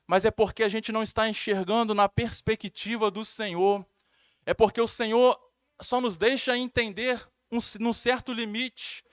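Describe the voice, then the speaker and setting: A man's voice: high-pitched, fairly even intonation, moderate pace, smooth, dry recording, clean studio sound. A male pastor with a Brazilian Portuguese accent, preaching a sermon in a storytelling way, repeating phrases and adding tag questions.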